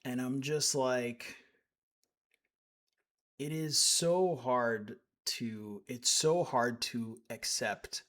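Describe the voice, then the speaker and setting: A man's voice: medium pitch, drawn-out words, a bit bright. A man giving live stream commentary as he reacts to clips, indignant and sarcastic, rambling with frequent restarts.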